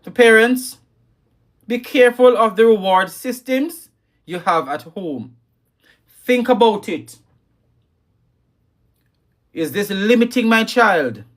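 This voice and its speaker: A man's voice: sits high, lively intonation, slow, pauses often. A man hosting a live talk on parenting, emphatic and scolding, repeating his key lines and reading viewer comments. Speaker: livestream host.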